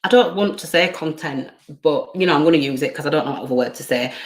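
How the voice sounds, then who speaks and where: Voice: medium pitch, fast. Tarot reader rambling on a live stream, keeps hunting for the word, earnest and blunt. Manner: rambling, searches for words, stammers and repeats; earnest, direct advice to viewers.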